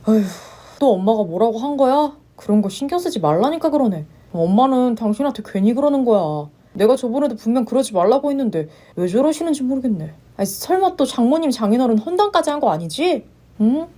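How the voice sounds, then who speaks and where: A woman voicing a gentle, supportive young husband who speaks softly and reassuringly in a narrated story. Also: animated, a little fast. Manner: soft, reassuring, low-voiced. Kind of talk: story narration with voiced roles.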